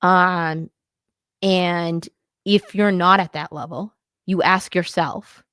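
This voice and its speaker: A woman's voice: fairly low pitch, steady tone, slow, fairly bright tone, clear, resonant tone, no echo, studio quality. A woman co-hosting a podcast, talking about marriage in an earnest, reflective way with loose, easygoing phrasing. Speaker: podcast co-host. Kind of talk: candid casual chat about marriage.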